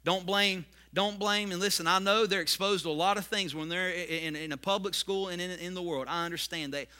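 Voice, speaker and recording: A man preaching a sermon as pastor, with repetitive points that build to loud emphasis. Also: high-pitched, fairly even intonation, brisk.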